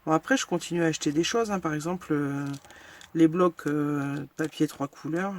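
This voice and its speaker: A woman's voice: sits low, moderate pace. A woman hosting a casual crafting tutorial, chatting frankly and narrating each step as she works, with lots of fillers. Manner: self-deprecating and frank.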